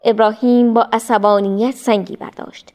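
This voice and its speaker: Female storybook narrator, measured, slightly high. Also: steady tone, a little mellow. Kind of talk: storybook reading.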